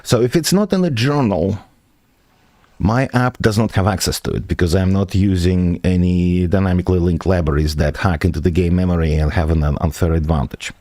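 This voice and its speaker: A man with a deep, low voice gives a methodical tech walkthrough on a live stream. He pauses and restarts as he answers viewer questions. The sound is close and dry, with no room around it. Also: dark tone, dry recording. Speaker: software developer streaming his project.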